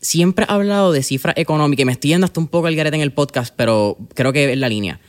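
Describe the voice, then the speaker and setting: A man's voice: fairly high pitch, fast talker. A man hosting a podcast interview, upbeat and slangy, mixing in English words. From Puerto Rico. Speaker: podcast host.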